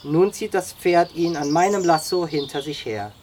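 A reader voicing Shiso, a modest young scout who speaks low and quietly. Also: normal speed, slight background noise, lightly acted.

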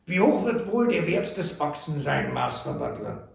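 A man voicing a sly, mocking old male trapper who drawls slowly in a high, gravelly voice. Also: huge pitch swings, far from the mic, heavily acted. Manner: slow, teasing drawl. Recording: roomy echo.

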